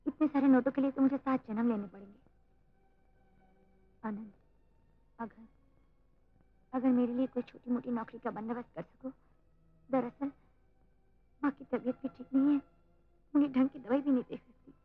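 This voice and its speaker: A woman's voice: high voice, fairly even intonation, normal speed, pauses often. Poor earnest young woman. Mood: sad. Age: young adult. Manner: soft, pleading. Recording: tinny old film soundtrack.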